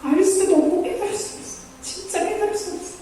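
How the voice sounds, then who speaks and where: A woman's voice: very high-pitched, fast talker, mellow. A woman missionary preaching a sermon, earnest and pleading, acting out prayers in the first person. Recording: echoey hall from far off.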